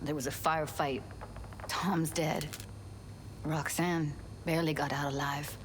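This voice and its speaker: A woman's voice: low voice, level tone, measured pace, a little hiss or hum. An actress playing a weary, tender but guarded young woman diver in a video game drama. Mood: downcast, guarded.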